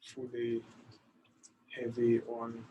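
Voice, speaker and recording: Soothing and unhurried, a male meditation guide leaves long silences between his phrases. His voice is mid-range, mellow and flat in tone, captured with lo-fi sound and a little background noise.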